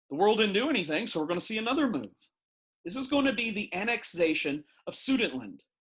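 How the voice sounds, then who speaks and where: A man's voice: on the high side, a bit bright. A middle-aged man from the United States teaching a recorded history lesson, talking conversationally and using everyday analogies.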